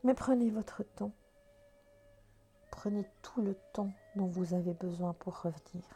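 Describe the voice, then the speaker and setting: A woman leading a guided meditation in a soft, half-whispered voice. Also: mid-range voice, a little slow, breathy edge. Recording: soft background music.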